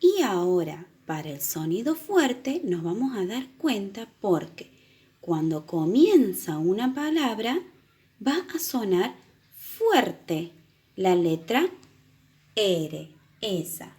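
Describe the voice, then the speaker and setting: A woman teaching children the sounds of a letter, explaining patiently and repeating example words slowly. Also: medium pitch, big pitch swings, a little mellow. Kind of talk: children's reading lesson.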